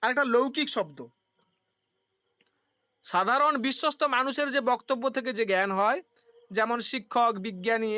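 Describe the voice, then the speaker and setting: A woman's voice: fairly high pitch, pushed and bright, dry recording, studio quality. A woman teaching a philosophy exam-prep class. She poses questions, answers them herself, and uses everyday examples.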